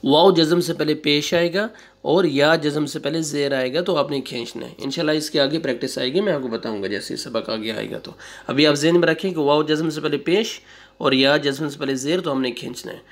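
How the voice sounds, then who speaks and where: A man teaching Quran reading, spelling out syllables slowly one by one, repeating them and correcting wrong readings. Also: on the high side. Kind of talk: slow spelling-out recitation lesson.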